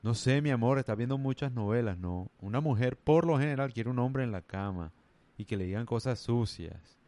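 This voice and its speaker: A man's voice: medium pitch, expressive, normal speed, dark tone, no room sound. A man from the Caribbean coast of Colombia with its accent, ranting casually in a rambling, emphatic way full of slang. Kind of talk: casual rant to camera.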